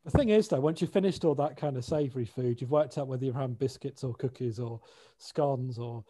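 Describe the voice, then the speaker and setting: A man's voice: mid-range voice, a little fast, mellow. A man with a British accent chatting casually, dry and matter-of-fact, often trailing off mid-sentence. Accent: British English. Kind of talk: casual chat.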